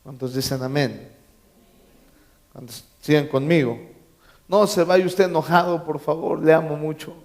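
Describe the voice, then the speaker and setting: Joking pastor, raised pitch. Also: male voice, unhurried, long pauses, a little mellow. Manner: emphatic, repeats key phrases, quizzes the congregation, joking asides. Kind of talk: sermon. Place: church.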